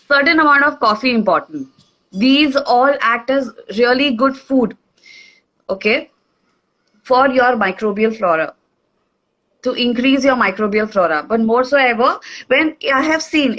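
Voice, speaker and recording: Indian english lady on a video call, kinda high voice, keeps saying okay as she explains. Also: fairly bright tone, lo-fi sound. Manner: explains simply, says okay often. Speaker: nutrition expert guest. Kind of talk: casual online talk.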